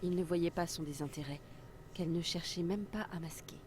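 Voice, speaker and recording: A woman voicing a gentle storybook narrator in a game, reading a fairy tale calmly. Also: fairly low pitch, fairly quick, lightly acted. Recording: game audio with background noise.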